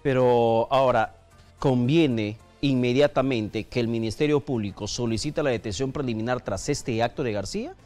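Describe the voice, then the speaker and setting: A man's voice: mid-range voice, normal speed, darkish tone, faint music behind. A man hosting a radio news interview in a studio and pressing his guest with listeners' questions.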